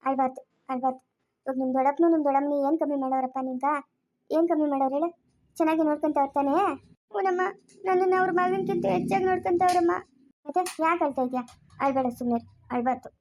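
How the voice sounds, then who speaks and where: A woman's voice: sits high, fast talker, dark tone, slight background noise. A woman acting a tearful villager in an amateur family drama, speaking in an emotional, pleading way. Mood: consoling.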